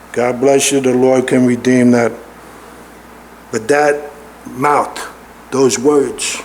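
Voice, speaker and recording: A man's voice: medium pitch, a little hiss or hum. A middle-aged man preaching a sermon in a church, stressing and repeating his key words. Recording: roomy echo in a large hall.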